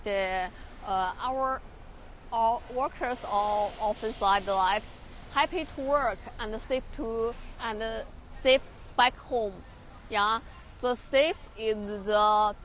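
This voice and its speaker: A young Chinese woman touring a large factory workshop in halting English with a Chinese accent, repeating words and using many fillers, filmed on a handheld phone. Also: a little high, slight background noise. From China. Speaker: factory tour guide. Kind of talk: live factory tour walkthrough. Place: large industrial workshop and outdoor factory yard.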